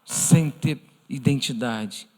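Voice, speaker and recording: A man's voice: medium pitch, slow. A man with a Brazilian Portuguese accent teaching a church lesson, earnestly addressing the congregation as brothers and acting out imagined prayers. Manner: acts out imagined prayers in a softened voice. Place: church hall. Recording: long reverb of a church hall.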